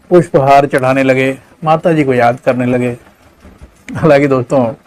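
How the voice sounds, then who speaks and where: A man's voice: mid-range voice, a little mellow, poor audio. A man hosting his own channel, narrating a satirical story in a mock-solemn way.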